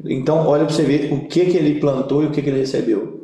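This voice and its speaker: A man's voice: fairly high pitch, fast talker. A young Brazilian man, a pastor, telling funny stories in a casual interview and acting out the voices of the people in them. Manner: animated comic storyteller, acts out quoted voices. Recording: echoey room.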